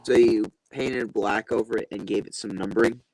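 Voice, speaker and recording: A man's voice: on the low side, fairly even intonation, normal speed, darkish tone, low-quality recording. Curious man asking polite questions. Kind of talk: casual chat.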